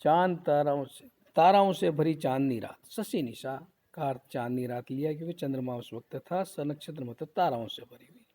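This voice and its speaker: A man's voice: on the high side, normal speed, few pauses, mellow. A male professor giving a lecture, reading lines of a poem and then explaining them in plain words, often repeating himself and asking rhetorical questions.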